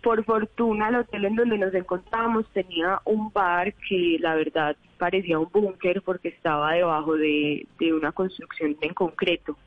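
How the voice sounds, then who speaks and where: A woman's voice: on the low side, moderate pace, few pauses. A woman in her twenties from Medellín with a Colombian paisa accent, telling her story chattily as a phone-in guest on a radio show. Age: 20s. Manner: chatty, animated retelling with paisa fillers. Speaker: phone-in interviewee, evacuated tourist. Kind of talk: live radio phone interview. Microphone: telephone. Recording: tinny phone line.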